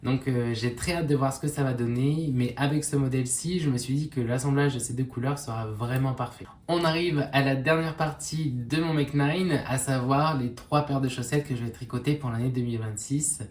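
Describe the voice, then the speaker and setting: A woman presenting in a casual knitting vlog, conversational and unhurried, pausing often and correcting herself. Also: rumbling low, fairly even intonation, a little mellow. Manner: conversational, unhurried, with frequent pauses and self-corrections. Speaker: knitting vlogger. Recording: roomy echo with faint background noise.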